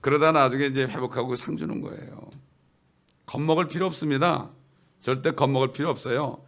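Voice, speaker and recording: A man's voice: mid-range voice, fairly even intonation, a little fast, fairly bright tone. A man preaching a sermon as pastor, asking the congregation questions, answering them himself and repeating key phrases for emphasis. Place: church.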